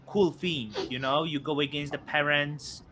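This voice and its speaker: A man in his thirties hosting a casual crypto chat, halting with many fillers and restarts. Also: fairly high pitch, steady tone, background noise. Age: 30s. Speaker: host.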